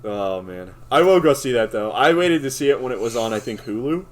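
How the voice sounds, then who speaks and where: A man's voice: mid-range voice, expressive, fast talker. A young man co-hosting a podcast, chatting casually and laughing often as he rambles. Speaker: podcast co-host. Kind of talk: casual chat.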